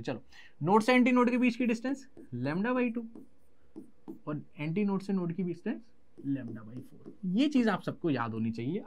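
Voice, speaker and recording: A man's voice: on the high side, darkish tone. A young Indian man teaching physics in an online class. He mixes Hindi and English terms and answers his own questions in a student's voice.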